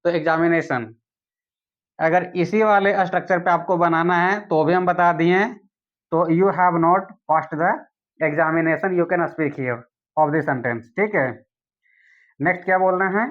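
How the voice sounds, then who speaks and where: High-voiced man teaching English. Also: lo-fi sound. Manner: repeats questions to the viewer, slow English examples. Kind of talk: spoken English lesson.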